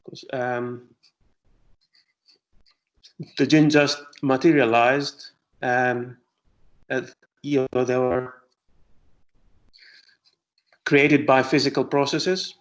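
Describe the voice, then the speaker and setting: A middle-aged man from Greece, an astronomer answering interview questions with many pauses and restarts. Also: medium pitch, level tone, low-quality recording. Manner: hesitant, many fillers and restarts.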